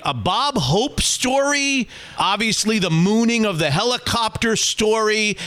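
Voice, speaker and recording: A man hosting an interview, his voice set high and swinging widely in pitch as he presses his guest with eager questions. He reacts quickly and openly, and the tone stays bright and forward. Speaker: host.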